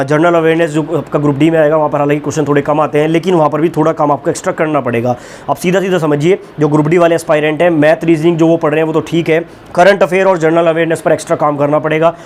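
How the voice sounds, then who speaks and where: Young male vlogger for exam prep; quick, earnest, direct advice delivery with a faint hiss on the track. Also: on the high side, darkish tone. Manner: earnest, direct, reassuring with "ठीक है ना" asides. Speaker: YouTube exam-prep channel host. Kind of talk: casual advice talk to viewers.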